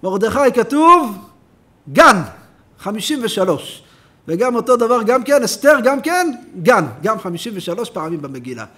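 A man who is a rabbi, giving a Torah lesson in a synagogue as an animated storyteller who acts out the characters in his stories. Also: very high-pitched. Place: synagogue hall.

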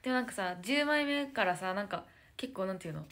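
A woman's voice: medium pitch, expressive, fast, fairly bright tone. A young woman with a lilt, chatting casually to viewers on a phone livestream, searching for words and dropping into whispered asides. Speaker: idol live streamer. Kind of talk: casual live-stream chat.

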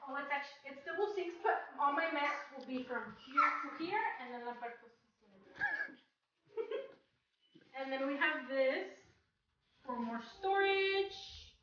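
High, chatty woman touring an echoey empty house. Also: animated, unhurried, sharp tone, highs cut off, slight background noise. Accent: Texan. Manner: chatty, enthusiastic, walking room to room. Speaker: family vlogger giving a house tour. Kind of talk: casual house-tour vlog. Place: large empty house, indoors, Texas. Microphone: camera held at a distance. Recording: echoey empty rooms, voice from far off.

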